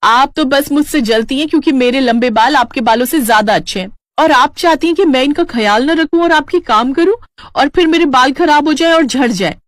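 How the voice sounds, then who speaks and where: A woman voicing a vain, touchy young daughter-in-law in a storybook tale, with a shrill, excitable way of talking. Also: brisk, no room sound, clean studio sound, close to an everyday voice. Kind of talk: storybook character voice.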